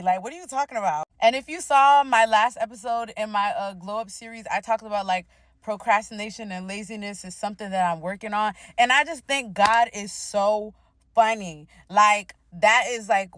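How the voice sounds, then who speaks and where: A woman's voice: medium pitch, fairly bright tone, no echo. A woman chatting casually as a vlogger, emphatic and sassy, with the slight lisp of someone wearing retainers. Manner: emphatic, sassy, slangy delivery. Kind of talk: casual, animated vlog chat.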